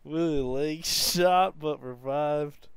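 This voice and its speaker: A man's voice: on the high side, slow, smooth, dry recording. A man chatting casually as the host of a gameplay roleplay video.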